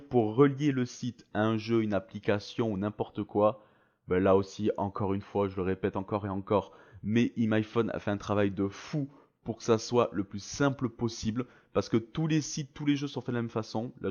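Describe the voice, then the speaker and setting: A man's voice: medium pitch, a little mellow. Dull-sounding Frenchman in a casual tutorial. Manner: informal, slangy, enthusiastic. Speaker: video creator presenting a voice-changer tool.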